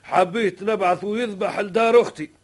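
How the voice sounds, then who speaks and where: An actor in an old radio show comedy playing a cheeky, hot-headed, mocking man with a gravelly, husky Tunisian-accented voice. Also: high-pitched, fairly even intonation, a little fast. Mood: exasperated.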